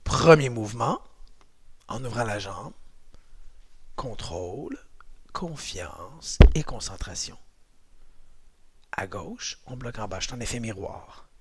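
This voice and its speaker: A man's voice: on the low side, very animated, takes it slowly, pauses often, husky. A man with a Québécois accent, leading a home exercise and martial arts class in a chatty, encouraging, playful way. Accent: Québécois French.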